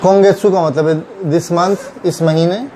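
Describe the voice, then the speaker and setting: A man teaching a kanji lesson, explaining slowly and patiently and repeating each reading. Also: sits high, steady tone, dark tone, a little hiss or hum, poor audio. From Pakistan. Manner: slow, patient, repeats words, checks in with "theek hai". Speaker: Japanese language teacher.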